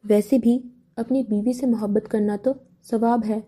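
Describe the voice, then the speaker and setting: A woman's voice: on the high side, steady tone, warm tone, lightly acted. A woman voicing a teasing, curious young man who prods his friend with questions, in a novel audiobook.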